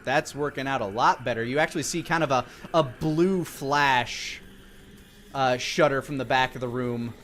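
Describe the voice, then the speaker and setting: A man's voice: medium pitch, normal speed, a bit bright, slight background noise. A man narrating as dungeon master in a live-streamed tabletop game, describing the scene with fillers and restarts.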